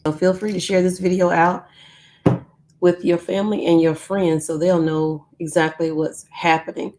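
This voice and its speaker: A woman whose voice is going runs a casual live news stream from home for her YouTube channel, chatting with frequent ums. She has a lowish, slightly mellow voice with a level tone at normal speed, and there's a little hiss or hum.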